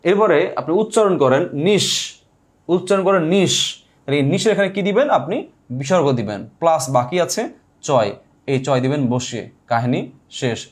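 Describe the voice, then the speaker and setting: A male grammar teacher giving an online exam-prep lesson, who repeats key points and keeps asking his listeners quick check questions. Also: on the high side, lively intonation.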